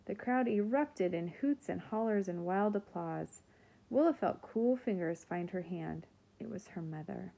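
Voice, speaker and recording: A woman teacher reading a children's chapter book aloud in a calm, expressive narrating voice. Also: mid-range voice, unhurried, gravelly, rough recording. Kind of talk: storybook read-aloud.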